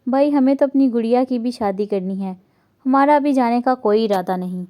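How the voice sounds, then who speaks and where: A woman's voice: a little high, lo-fi sound, natural voice. A woman voicing an older grandfather in a novel reading, tender and sentimental.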